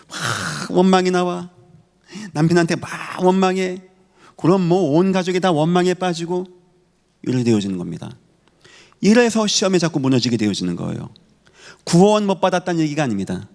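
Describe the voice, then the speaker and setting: A man's voice: a little high, vocal fry, darkish tone. A male pastor delivering an emphatic sermon, asking rhetorical questions and answering them. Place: church sanctuary. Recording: reverberant church hall.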